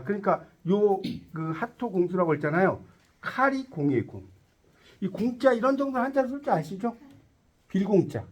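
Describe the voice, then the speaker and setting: A man's voice: fairly high pitch, a little mellow, husky. A man teaching a tarot lecture to a class, quizzing his students and cracking jokes as he explains. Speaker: tarot instructor.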